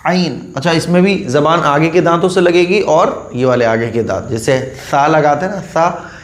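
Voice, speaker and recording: Patient man teaching in an echoey room. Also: fairly high pitch. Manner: patient, repeats the rule, drills each letter slowly. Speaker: Quran reading teacher. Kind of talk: step-by-step reading lesson.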